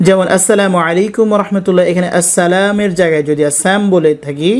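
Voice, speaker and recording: A religious teacher giving a pronunciation lesson, speaking to viewers directly, spelling out sounds and drawing out each example word slowly. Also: medium pitch, steady tone, a little mellow. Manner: drawn-out, slow model pronunciations between brisk explanation.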